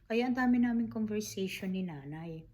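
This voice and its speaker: A middle-aged woman recalling caring for her late mother, speaking softly and haltingly, mixing in English phrases. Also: mid-range voice, animated. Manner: soft, halting, with many fillers; mixes Tagalog with English phrases. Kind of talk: personal storytelling vlog.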